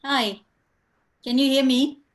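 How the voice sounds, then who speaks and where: High-voiced woman over a group video call. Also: steady tone, slow pace. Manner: helpful, patiently explaining settings. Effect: heard over a group video call. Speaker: invited guest on a video call. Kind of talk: casual chat.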